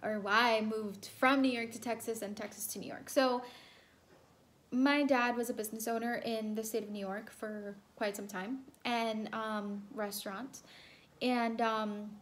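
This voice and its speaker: A woman's voice: fairly high pitch, fairly even intonation, unhurried. A young woman from El Salvador telling a personal story to camera in a casual, rambling way, full of ums and repeats. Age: young adult. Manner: chatty, rambling, many ums and repeated phrases. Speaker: vlogger.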